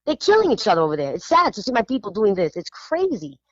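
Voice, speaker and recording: Animated New woman radio host. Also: medium pitch, quick pace, no echo, muffled recording. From New York (Spanish Harlem). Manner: animated, emphatic, lots of "you know". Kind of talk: casual radio chat.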